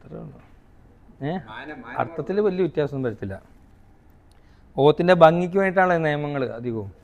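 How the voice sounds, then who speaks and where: A man teaching a recitation class. He asks his students questions, answers them himself, and sounds out each rule slowly, repeating it. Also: on the high side, expressive, darkish tone, muffled recording. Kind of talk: classroom tajweed lesson.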